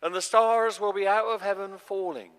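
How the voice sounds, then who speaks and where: A man reading the part of Jesus in a dramatic scripture performance, as a solemn, urgent teacher who prophesies with weighty, deliberate phrasing. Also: high-pitched, steady tone, a bit bright, clean tone. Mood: grave, foreboding. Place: large church, live performance. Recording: long church reverb.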